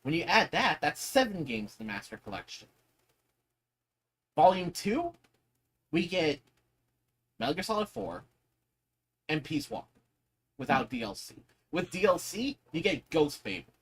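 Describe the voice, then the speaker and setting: A man's voice: fairly high pitch, sing-song, measured pace, long pauses, a bit bright, breathy edge. A man giving casual, opinionated commentary while gaming, speaking emphatically and swearing freely. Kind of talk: casual chat over gameplay.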